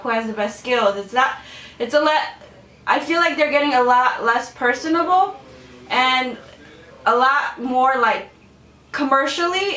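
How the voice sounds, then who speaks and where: A high-pitched, pushed, bright voice belongs to a beauty vlogger in her twenties. Chatting to camera in a casual Q&A from her bedroom filming setup, she rambles, giggles and says "like" a lot. The recording sounds roomy and distant.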